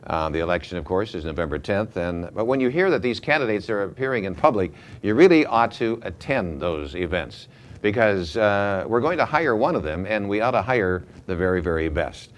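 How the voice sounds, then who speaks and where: A man's voice: fairly low pitch, animated, brisk, slight background noise. A man hosting an interview show in a conversational broadcast style.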